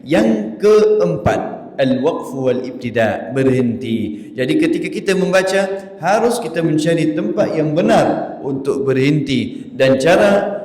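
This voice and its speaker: Man, quran recitation teacher, slow patient delivery, long hall reverb. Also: a little high, expressive, darkish tone. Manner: slow, patient explaining that breaks into melodic chanting. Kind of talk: recitation lesson with chanted examples. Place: large hall at a religious gathering.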